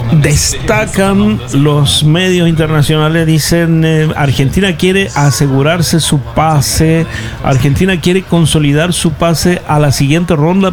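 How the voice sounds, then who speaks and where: A man hosting a live radio show, chatty, reading out press comments and interviewing callers. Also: a little high. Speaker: radio host.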